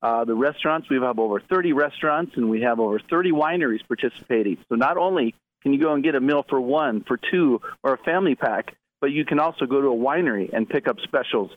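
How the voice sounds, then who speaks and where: A man's voice: medium pitch, fast, hardly any pauses, no room sound. A middle-aged man speaking conversationally as a radio interview guest over a narrow phone-like line. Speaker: interview guest, tourism executive.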